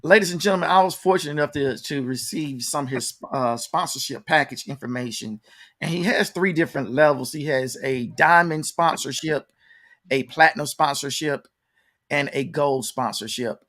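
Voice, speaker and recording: A man with a slightly high, somewhat bright voice hosts a conversational, radio-style interview at a normal speed. He also works as a promoter and addresses his audience informally, much like an announcer.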